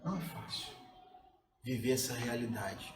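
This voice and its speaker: A man's voice: mid-range voice, lively intonation, normal speed. A man in his forties from Brazil, a pastor preaching a sermon in a conversational way and often calling his listeners "cara". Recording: roomy sound from a distance, music behind.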